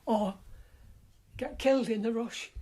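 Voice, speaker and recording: Older woman speaking slowly and deliberately. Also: fairly high pitch, steady tone, warm tone. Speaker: former office worker, interviewee. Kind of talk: interview recollection.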